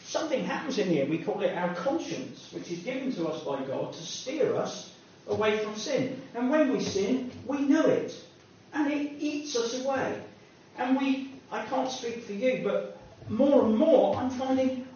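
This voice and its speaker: A man's voice: sits high, a little mellow, heavy reverb. Male preacher, conversational sermon, distant mic, dull muffled sound, faint room hum. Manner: conversational, self-deprecating preaching with asides.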